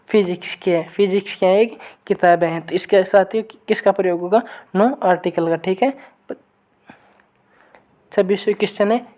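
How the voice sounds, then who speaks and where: A woman teaching an online grammar lesson, who keeps asking her viewers for the right answer and reads each sample sentence slowly and again. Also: mid-range voice, warm tone. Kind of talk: online exam-prep lesson.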